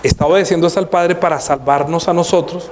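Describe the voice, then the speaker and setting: A man delivers a sermon in a fairly high voice. He speaks directly to his listeners and challenges them with questions. Faint ambient noise sits under the voice. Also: steady tone, quick pace, a little mellow. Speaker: pastor.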